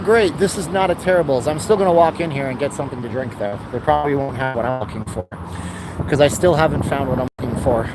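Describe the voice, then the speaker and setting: Walking along a busy boulevard, a man with a medium-pitched voice streams live from his handheld phone, chatting loosely, rambling and replying to chat comments. A dry throat keeps him clearing it, and passing cars and street traffic fill the outdoor phone recording.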